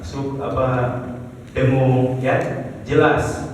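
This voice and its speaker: A man teaching a Quran recitation lesson, patient and slow, often checking in with his students. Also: mid-range voice, little pitch movement, a little hiss or hum. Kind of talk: tajwid lesson. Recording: echoey hall, mic far off.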